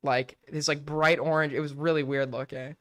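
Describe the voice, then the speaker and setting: His voice is on the high side and a bit bright, delivered flatly at normal speed in a dry recording. A twenty-something guy on a late-night stream, he chats casually and rambles, swearing heavily and using "like" as filler.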